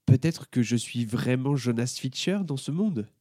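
A man's voice: medium pitch, lively intonation, a little slow, dark tone, no room sound, studio quality. A man voicing a confused young schoolboy who hesitates and stammers in a children's story. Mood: puzzled. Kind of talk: storybook character voice.

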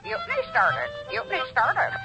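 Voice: mid-range voice, wildly swooping pitch, normal speed, rough recording. An actor voicing a pirate parrot in a squawky parrot voice, repeating short phrases in an old radio play. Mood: squawking, chattering. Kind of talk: 1940s radio acting. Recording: old 1940s radio, loud music behind.

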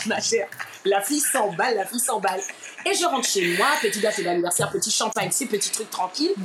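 A woman from Martinique telling a personal story as an interview guest. She acts out the people she quotes and keeps calling the listener "my dear.". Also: on the high side. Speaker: interview guest, radio presenter. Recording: steady background noise.

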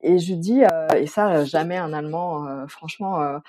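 A woman's voice: deep voice, normal speed, warm tone. A woman in her thirties, a guest chatting casually in an interview, hesitant with many fillers and restarts.

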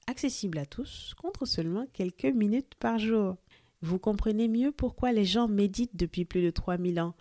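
A woman hosting a podcast, reviewing a book in a lively, friendly scripted delivery and speaking directly to her listeners. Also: mid-range voice, dry recording, studio quality. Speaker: podcast host.

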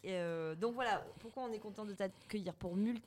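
A woman in her thirties hosting a podcast from a hotel. She chats casually, laughs easily and often fills pauses with hesitations. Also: medium pitch, crowd noise. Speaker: podcast host. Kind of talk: casual podcast chat with a scripted intro. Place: hotel in Paris.

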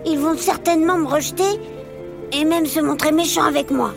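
A woman voicing a cheerful young boy hermit crab in a children's story, excited and chatty. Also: high-pitched, moderate pace, vocal fry, over music, pitched above the performer's own voice. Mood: worried.

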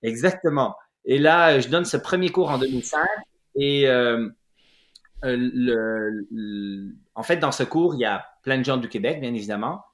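A man's voice: medium pitch, moderate pace. A middle-aged man with a Quebec French accent, telling his story as an interview guest, hesitant with many fillers and restarts. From Quebec, Lac-Saint-Jean. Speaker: guest, running clinic founder. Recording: roomy echoey room.

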